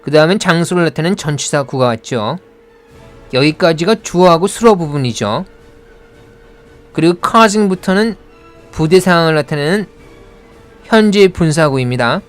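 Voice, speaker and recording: A man teaching English pronunciation in Korean with a Korean accent, explaining patiently and modeling words. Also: a little high.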